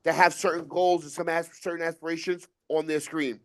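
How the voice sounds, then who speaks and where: Profane, excitable podcast co-host man. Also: a little high, brisk. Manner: profane, stumbling restarts, hypes the crowd. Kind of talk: casual group podcast chat.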